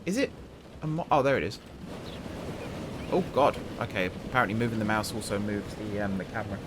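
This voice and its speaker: Speaking fairly quickly in a fairly low pitch, a man hosting a gaming channel comments casually on his play, musing aloud with self-mocking humour. His voice is croaky from talking all day, and the background is noisy, with music running.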